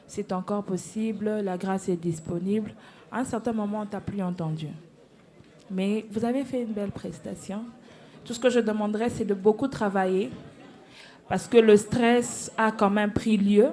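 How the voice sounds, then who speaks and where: A woman's voice: medium pitch, dark tone. A woman giving live feedback to singers as a competition judge, encouraging each act and blessing them.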